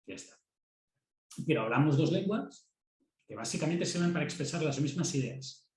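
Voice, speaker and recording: In an echoey room, a man with a Castilian Spanish accent delivers a university lecture in a chatty way, often repeating words mid-thought and checking that students follow. His voice is a little high, with lively intonation and a moderate pace.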